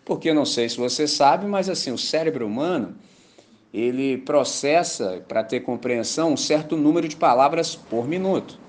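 A man's voice: a little high, moderate pace. A man with a Brazilian Portuguese accent preaching a sermon at a church service, conversational and slangy, often asking his listeners if they follow. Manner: conversational, keeps asking "entendeu?"; slangy and animated. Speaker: pastor.

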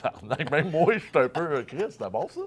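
A Québécois man hosting a podcast. His voice sits fairly high and swings up and down a lot as he jokes around in a loose, casual way with plenty of fillers. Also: big pitch swings, a little fast, heavy background noise. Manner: loose, joking, many fillers. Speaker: podcast host.

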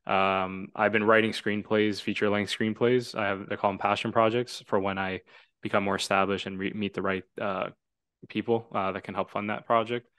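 A man's voice: lowish voice, little pitch movement, moderate pace, a bit bright, smooth, no echo, studio quality. A man in his twenties from Toronto, hosting a casual podcast conversation in an earnest, reflective, rambling way. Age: 20s. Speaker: podcast host.

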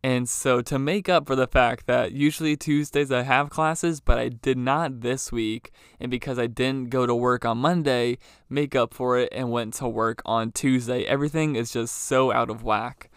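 A man's voice: mid-range voice, steady tone, moderate pace, few pauses, clean tone, no room sound, clean studio sound. A young man talking casually as a solo podcast host, rambling informally, recorded in a closet. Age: young adult. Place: small clothes closet, indoors.

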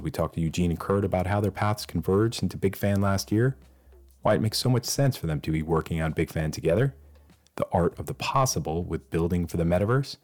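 A man with a low, darkish voice hosts an interview podcast. He shifts between a scripted introduction and questions for his guests.

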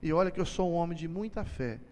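A man's voice: a little high, lively intonation, fast, warm tone. A man telling his testimony as a sermon, storytelling and acting out dialogue, speaking to the congregation as brothers. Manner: storytelling, acts out dialogue, addresses listeners as brothers. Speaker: church speaker giving testimony. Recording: long hall reverb.

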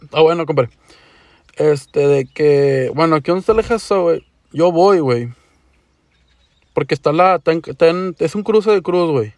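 Podcast storyteller: young man, northern Mexican border accent, Chicano-flavored profane slang, fairly high gravelly voice, close dry sound. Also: expressive, normal speed, pauses often, darkish tone, no echo. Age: young adult. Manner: slangy, profane, with Chicano-style English words mixed in; acts out dialogue. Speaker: podcast host.

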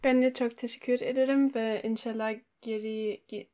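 Foreign woman speaking halting, broken Turkish. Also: fairly high pitch, fairly even intonation, mellow. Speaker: podcast guest. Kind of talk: casual chat. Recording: dull lo-fi sound.

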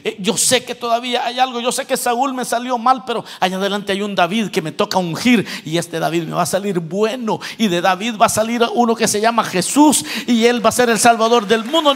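A male pastor preaching a sermon, swinging between loud exhortation and quiet, joking asides to the congregation. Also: very high voice.

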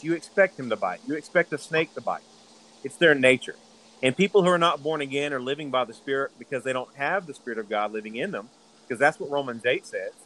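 A man's voice: a little high, fairly bright tone, a little hiss or hum, poor audio. Emphatic Southern preacher man. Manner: emphatic, repeats key words for stress. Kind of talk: sermon teaching.

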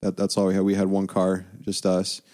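A man's voice: deep voice, monotone, a little fast, mellow. A young man casually telling stories about his mission, laughing often as he talks. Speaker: guest. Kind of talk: casual storytelling.

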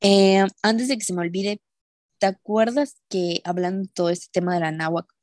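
A woman's voice: medium pitch, steady tone, normal speed, a little mellow, no echo, studio quality. A young woman in casual chat, indignant and swearing freely. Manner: indignant, swearing, retells others with quoted voices.

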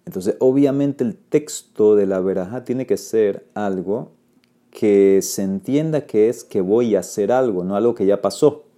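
A man teaching a Talmud lesson with a mellow, dark voice. He reads the text aloud and breaks it down step by step, stopping for fillers and correcting himself as he goes. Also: fairly low pitch, unhurried. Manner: reads Aramaic then explains, with fillers and self-corrections. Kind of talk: explaining a Talmud page in Spanish.

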